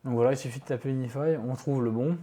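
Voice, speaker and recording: A man's voice: medium pitch, fast, warm tone. A man talking through a casual screen-recorded tech tutorial from his home office, chatty and self-mocking, with many fillers and asides. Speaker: tech video creator.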